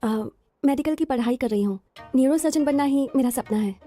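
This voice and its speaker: An actress dubbing a young medical student, indignant and hurt, with music behind. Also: female voice, high-pitched, fairly quick, dark tone. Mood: plain. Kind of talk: Hindi film dub.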